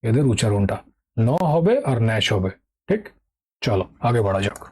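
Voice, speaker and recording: A man's voice: on the low side, sing-song, moderate pace, darkish tone, husky. A middle-aged man teaching English vocabulary for exam prep in an online lesson, speaking with a Bengali accent. He is patient and repeats key words, often checking with "ঠিক আছে?".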